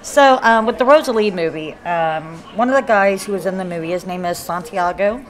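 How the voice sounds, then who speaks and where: A woman's voice: medium pitch, fairly quick. A middle-aged woman with a Kentucky accent, a guest paranormal investigator chatting casually and rambling with lots of fillers and restarts. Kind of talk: casual live interview chat. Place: haunted hotel event. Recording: live event with crowd chatter behind. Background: crowd chatter.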